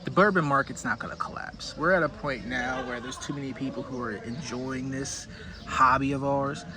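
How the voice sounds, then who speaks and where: A man's voice: medium pitch, normal speed. A man hosting a whiskey review in casual solo commentary, conversational and opinionated as he thinks aloud. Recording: clearly noisy background.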